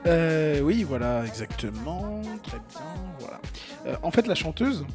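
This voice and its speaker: A man's voice: on the high side, big pitch swings, measured pace. A man co-hosting a music show, chatting casually about records, hesitant with many fillers and blunt opinions. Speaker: radio show co-host presenting records.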